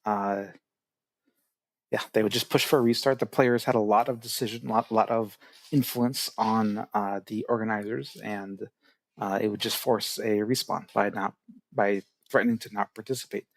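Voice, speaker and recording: Gravelly-voiced man explaining a game. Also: on the low side, fairly even intonation, moderate pace, a little hiss or hum. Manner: explanatory, many "uh" fillers. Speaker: tournament organizer and caster. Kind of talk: casual game commentary.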